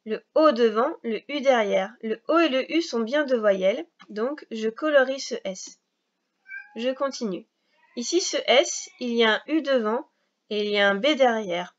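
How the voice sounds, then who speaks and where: A woman teaching a recorded reading lesson for young children, explaining slowly, patiently and step by step. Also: on the high side, dull audio.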